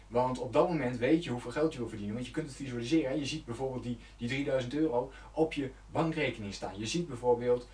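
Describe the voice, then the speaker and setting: A man talks viewers through goal-setting like a coach, earnest and direct, correcting himself and filling pauses as he goes. He stands back from the mic, and the room around him rings. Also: mid-range voice, a little mellow, reverberant, distant mic. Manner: loose and conversational, with fillers and self-corrections. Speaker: self-help coach. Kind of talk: motivational talk to camera.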